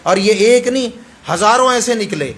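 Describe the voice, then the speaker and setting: High-voiced male preacher, emphatic. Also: fairly bright tone. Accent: Pakistani Urdu. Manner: emphatic, repeats phrases and asks the audience for agreement. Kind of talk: weekly hadith sermon.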